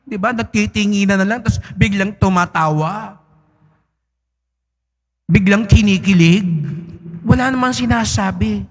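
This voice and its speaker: A man's voice: sits high, a little slow, pauses often. A man, a priest giving a Sunday homily in a large church, speaks conversationally with teasing asides and frequent tag questions. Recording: long church reverb.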